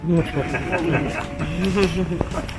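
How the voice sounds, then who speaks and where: A man's voice: on the high side, drawn-out words, music in the background. A man from Scotland with a broad Scottish accent, working as a tour guide and telling history to a group in short, explanatory phrases.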